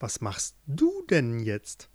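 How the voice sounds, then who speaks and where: A man's voice: medium pitch, wildly swooping pitch, slow, a little mellow, no room sound, full character voice. A man voicing a desperate young man in a spoken fairy tale, earnest and anxious. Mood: confused. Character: desperate young man searching for his love.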